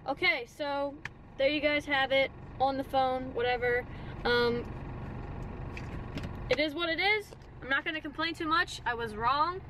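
A woman's voice: sits high, a little slow. A young woman vlogging from inside her car, chatty and exasperated as she rants. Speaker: fishing vlogger. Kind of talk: casual vlog rant. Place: inside a parked or driving car. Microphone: camera mounted or handheld in car. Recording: noisy car and street ambience.

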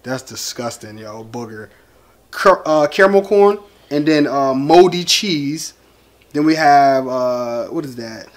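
A man's voice: medium pitch, expressive, takes it slowly. Young American man, teasing casual vlogger. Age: young adult. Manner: teasing, egging on. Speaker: vlog host. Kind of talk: casual playful chat. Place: living room sofa at home. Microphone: camera at about arm's length.

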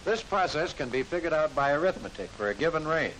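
A middle-aged American man giving formal, instructive mid-century newsreel-style narration for a military training film, in measured phrases. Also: on the high side, lively intonation, fairly bright tone. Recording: hissy, noisy vintage film soundtrack.

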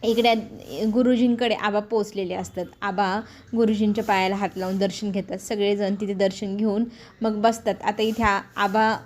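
A woman's voice: medium pitch, little pitch movement, moderate pace, a little mellow, slight background noise. Woman retelling a serial episode. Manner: plain storytelling, voicing the characters' lines in passing. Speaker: serial episode recap narrator.

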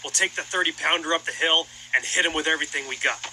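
A man voicing a stern plastic toy army sergeant who barks commands at his men in an animated war short. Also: a little high, quick pace, noisy background, natural voice. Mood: commanding. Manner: barking commands.

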